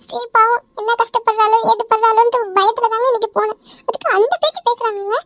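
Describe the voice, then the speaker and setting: A performer voicing a distraught middle-aged mother in an animated cartoon, pleading through tears. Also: very high voice, fast, soft background music. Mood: tearful pleading. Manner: pleading, sobbing.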